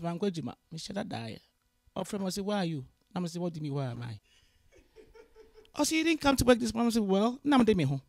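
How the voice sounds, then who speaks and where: Her voice gravelly and full of fry, a lowish-voiced woman with a Ghanaian accent tells her story as a guest in a casual storytelling interview set in Canada. She moves easily between English and Twi and voices each exchange with lively energy. The sound is dry and close, without room echo.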